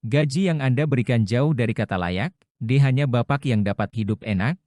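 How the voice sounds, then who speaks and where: A man reading practice quiz questions and their answers aloud in a measured, steady way. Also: medium pitch, no echo, studio quality.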